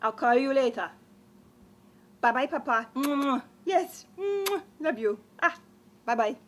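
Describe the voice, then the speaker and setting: A woman's voice: high voice, lively intonation, measured pace, a bit bright, slight background noise. A woman playing a haughty, disdainful French businesswoman with a French accent, speaking in theatrical, scornful exclamations in a comedy sketch. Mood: gossiping on phone.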